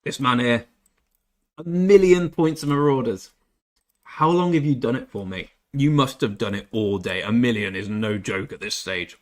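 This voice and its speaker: His voice sits at a medium pitch and moves at a moderate pace. He's a young English streamer, casually talking while gaming, reading the chat aloud and poking fun at himself.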